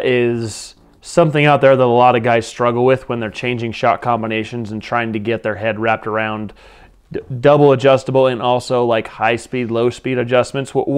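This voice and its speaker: A man's voice: mid-range voice, smooth. A man co-hosting with a West Coast American accent, enthusiastic and filler-heavy in casual talk. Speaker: co-host.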